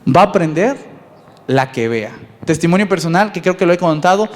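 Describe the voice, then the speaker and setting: A man with a Mexican accent preaching a sermon as pastor, lively and conversational, asking his listeners questions. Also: high-pitched, fairly quick. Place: church. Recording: long reverb in a church hall.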